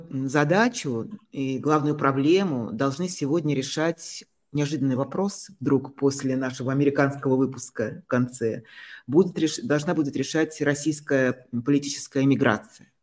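A man's voice: a little high, normal speed. A man interviewing a guest, asking a long question while searching hesitantly for his words.

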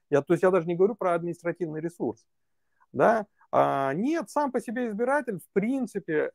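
A man's voice: on the high side, creaky, darkish tone, no room sound, studio quality. A man working as a political consultant, answering interview questions in long, reasoned stretches with many fillers.

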